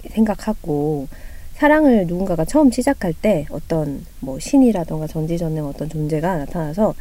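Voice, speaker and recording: A woman's voice: low voice, warm tone. A woman in her thirties, an author being interviewed, talking candidly and laughing often as she acts out what friends said. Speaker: author guest. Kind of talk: casual interview chat.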